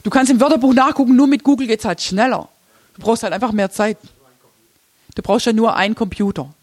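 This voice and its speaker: A woman's voice: on the high side, fairly quick, darkish tone, no room sound. A woman giving an informal church workshop from slides, chatty and casual, often laughing and restarting her sentences. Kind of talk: casual teaching talk with slides.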